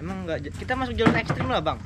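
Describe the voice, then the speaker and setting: A man's voice: high-pitched, expressive, fast talker. A man riding along with friends, playfully teasing the vlogger. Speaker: riding companion. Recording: loud outdoor engine noise.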